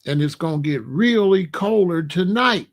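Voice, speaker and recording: A middle-aged or older American livestreamer casually warns his online viewers about the weather at a normal speed. His voice sits high and sounds expressive, and he speaks colloquially, emphasizing points by repeating phrases.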